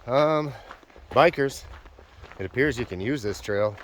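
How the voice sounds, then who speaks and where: Out on a hiking trail during a backpacking trip, a young man chats casually to the camera at a measured pace in a mid-range voice, nasal from a cold and a sore throat. He's relaxed and rambling, full of "uh" fillers, with background noise in the recording.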